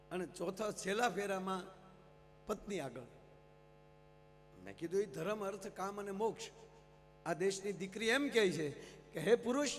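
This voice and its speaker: A man telling humorous stories to a big live audience, acting out quick exchanges between characters. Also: sits high, long reverb tail. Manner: lively storyteller, quick character exchanges, addresses audience as sir. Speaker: folk comedian on stage. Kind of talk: live stage humor storytelling. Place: large stage event.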